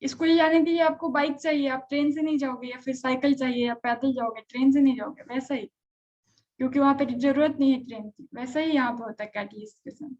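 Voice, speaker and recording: A high-voiced woman teaches a chemistry lesson and keeps stopping to ask her students whether anything is unclear. The sound is dull and lo-fi. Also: fairly even intonation, quick pace, darkish tone. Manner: conversational, checks on students often. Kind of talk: live online class lecture.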